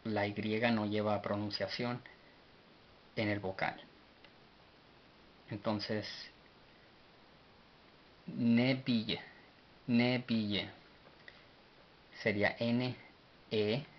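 Slow, low-voiced man spelling out words. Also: little pitch movement. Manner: slow and deliberate, spells letter by letter. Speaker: language teacher. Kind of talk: slow spelled-out language lesson. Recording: dull lo-fi recording with faint hiss.

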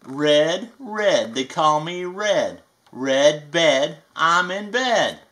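Voicing a folksy, playful alligator from the bayou, a performer with a Southern US accent stretches out words for emphasis while reading a children's picture book. The delivery is animated, medium-pitched, and fairly bright in tone.

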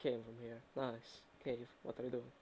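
A man's voice: mid-range voice, level tone, moderate pace, mellow, husky. A young man chatting casually and teasing his friend while they play a co-op game. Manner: teasing, joking. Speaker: gamer. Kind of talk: casual co-op gameplay chat.

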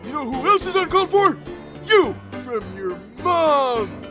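A woman voicing a rude, cantankerous old man who yells blunt insults in a comedic audio drama. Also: high-pitched, sing-song, measured pace. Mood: rude, defiant. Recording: loud music under the voice.

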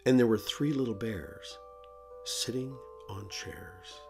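A man's voice: on the low side, slow pace, music in the background. A middle-aged man who hosts a children's show, presenting and reading stories aloud for kids.

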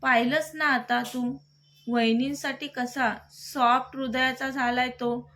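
A woman's voice: high-pitched, little pitch movement, takes it slowly, fairly bright tone. A woman reading the lines of a young woman who playfully teases her new sister-in-law. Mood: teasing.

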